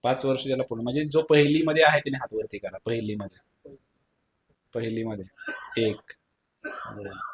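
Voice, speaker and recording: A man's voice: medium pitch, steady tone, normal speed, pauses often, slight background noise. A man preaching a devotional sermon to a live audience. He tells the story vividly, acts out the dialogue and puts questions to the listeners.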